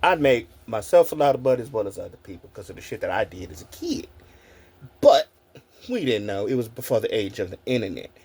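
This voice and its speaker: A man in his forties with a husky, slightly raspy voice tells stories casually to his viewers. His pitch swings up and down constantly as he talks. He laughs often and swears freely. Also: very animated, brisk, darkish tone. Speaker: content creator. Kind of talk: casual storytelling vlog.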